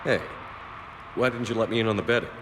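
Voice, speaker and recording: An actor playing a steady, earnest military commander in a space video game, talking plainly and with composure. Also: male voice, on the low side, quick pace, background noise, close to an everyday voice. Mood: easygoing. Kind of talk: game dialogue acting. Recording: echoing hall, music behind.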